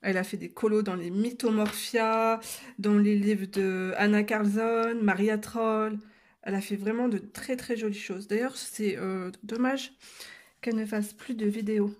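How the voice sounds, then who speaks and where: A woman casually explaining a coloring technique step by step, talking to her viewers with frequent hesitant filler pauses and chatty asides. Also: mid-range voice, steady tone. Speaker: coloring tutorial creator.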